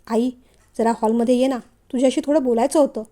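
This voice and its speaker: A woman's voice: high-pitched, steady tone, fairly quick, natural voice. A woman voicing a nervous young adult son who pleads with his parents in a storybook reading. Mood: pleading. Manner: pleading, hushed.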